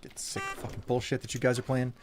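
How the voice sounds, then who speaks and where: A man in his thirties hosting a casual gaming stream, easily exasperated and quick to swear. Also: mid-range voice, monotone, noisy background. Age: 30s. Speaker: streamer host.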